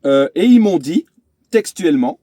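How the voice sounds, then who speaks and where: A man's voice: fairly high pitch, big pitch swings, normal speed, warm tone, no echo, clean studio sound. A man vlogging from his truck cab, chatting through a road story with many fillers and restarts. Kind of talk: casual vlog storytelling.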